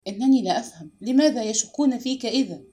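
A woman reading aloud and voicing an excitable young wife who speaks high and agitated. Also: a little fast, close to an everyday voice.

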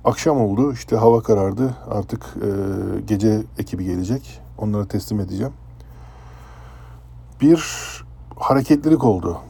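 A man from Turkey, a former ship's chef, casually recounting a personal story in a conversational, animated way. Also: lowish voice, moderate pace, vocal fry, breathy edge. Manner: conversational, animated when telling dramatic parts.

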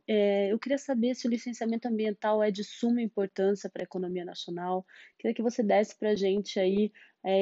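A woman's voice: mid-range voice, mellow, dry recording, dull audio. A Brazilian woman presenting and interviewing as a podcast host, in a polished, formal public radio manner.

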